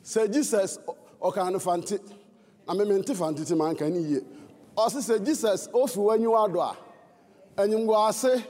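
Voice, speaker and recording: A man with a Ghanaian accent preaching a sermon, swinging between fervent shouts and low, earnest tones. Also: moderate pace, long pauses, long reverb tail.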